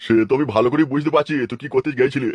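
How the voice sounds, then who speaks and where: A voice artist playing a gruff, exasperated father who scolds his son in a comedy sketch. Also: medium pitch, fairly even intonation, very fast, dry recording, dull audio, voice pushed down, natural voice. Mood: scolding.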